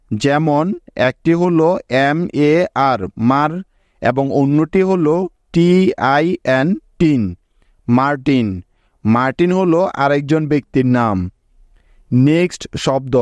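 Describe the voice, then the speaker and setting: Slow, patient Bengali-accented male teacher. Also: a little high, a little mellow, no room sound. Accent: Bangladeshi Bengali. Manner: patient, explains step by step and asks pupils questions. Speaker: English teacher. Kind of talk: slow spelling lesson. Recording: dull, dry lo-fi recording.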